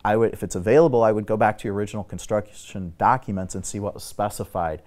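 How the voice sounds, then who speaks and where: This explanatory talk show conversation features a middle-aged exterior building expert as a guest on a studio set. Speaking fast in a fairly low voice, he lays out building repairs step by step with steady, technical, instructive explanations.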